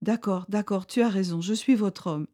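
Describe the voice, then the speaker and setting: A woman's voice: mid-range voice, normal speed, mellow, lightly acted. A woman voicing a frightened, timid peasant man who talks nervously and pleads.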